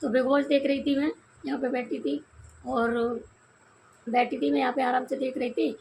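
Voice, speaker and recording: A young Indian woman talks to her viewers in a relaxed, confiding vlog, telling the story of a family quarrel. Her voice sits high, but it is worn hoarse and gravelly. Faint noise hangs in the background of the recording. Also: moderate pace. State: hoarse from crying and shouting. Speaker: vlogger. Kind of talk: casual vlog chat.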